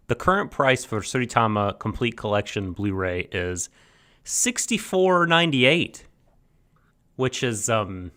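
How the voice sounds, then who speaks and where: A man co-hosting a casual podcast chat, chatty and quick to laugh. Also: on the low side, sharp tone. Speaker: podcast co-host.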